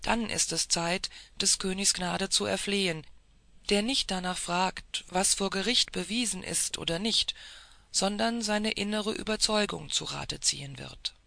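A reader voicing a wise older male adviser giving measured, grave counsel. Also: mid-range voice, gravelly, sharp tone, dry recording.

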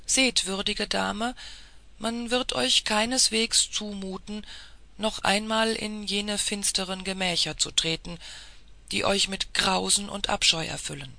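A reader voicing an insistent, formal police official who presses a lady with long, courtly appeals, in a slow, gravelly, bright voice. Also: mid-range voice, fairly even intonation, heavily acted. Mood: persuasive.

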